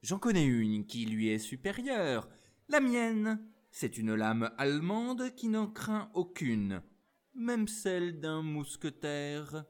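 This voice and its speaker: A man's voice: high-pitched, big pitch swings, slow, voice pushed up, heavily acted. A man voicing a haughty cavalry officer who speaks in a detached, mocking tone. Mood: sneering.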